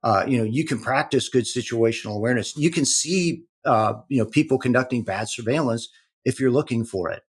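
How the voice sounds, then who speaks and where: A man speaking as a guest in an interview, explaining in an earnest, halting way with many repeated words. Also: mid-range voice, slightly rough. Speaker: protective intelligence executive, guest. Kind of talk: conversational interview talk.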